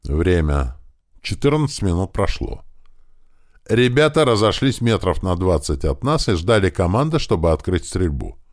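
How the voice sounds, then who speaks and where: Deep-voiced man narrating a story. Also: big pitch swings, normal speed, no room sound, clean studio sound. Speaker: audiobook narrator. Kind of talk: first-person audiobook narration.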